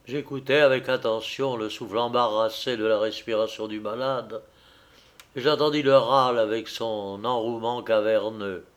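A man narrating a literary audiobook in a measured, solemn reading. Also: mid-range voice, fairly even intonation.

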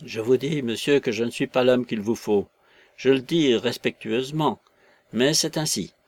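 A man's voice: medium pitch, moderate pace, no room sound, close to an everyday voice. A man voicing a timid, self-pitying tramp who groans and pleads in a storybook reading. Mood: plaintive. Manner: plaintive, cowering, self-pitying. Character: whining, timid tramp, middle-aged man.

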